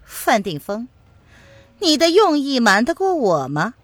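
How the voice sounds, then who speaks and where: A woman's voice: a little high, wildly swooping pitch, a little slow, no echo, voice pushed up, full character voice. A woman voicing a cold, mocking and commanding martial-arts villainess in a dramatised audiobook. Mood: taunting, commanding.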